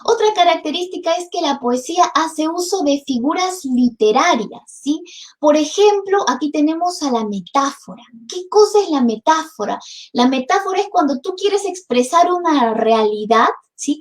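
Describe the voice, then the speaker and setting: A woman giving an online lecture for beginners, explaining patiently and checking in often with tag questions. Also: sits high.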